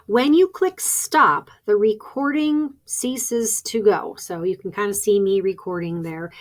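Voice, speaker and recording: A woman's voice: mid-range voice, measured pace. A woman teacher talking through a screen-recording tutorial in a practical, chatty way, thinking aloud as she clicks. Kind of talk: instructional screen-recording walkthrough.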